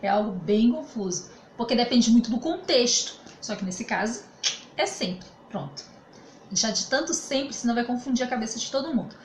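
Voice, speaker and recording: A Brazilian woman with a fairly high voice teaches grammar from home, patient and explanatory, often pausing to check that her students follow. Her voice bounces around a roomy space, with a faint hum of ambient noise behind her. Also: expressive. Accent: Brazilian Portuguese. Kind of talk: remote grammar lesson. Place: home room during quarantine.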